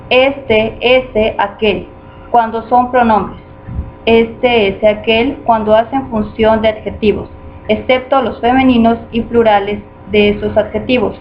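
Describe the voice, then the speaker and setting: A woman reading a grammar lesson aloud in a steady, measured way, going through rules and examples. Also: on the high side. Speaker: student presenter. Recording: muffled lo-fi recording with faint noise.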